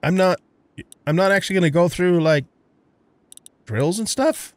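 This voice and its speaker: A man's voice: sits high, expressive, moderate pace, no room sound. A man giving casual gameplay commentary, musing aloud in a rambling way. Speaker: gamer narrating a let's play.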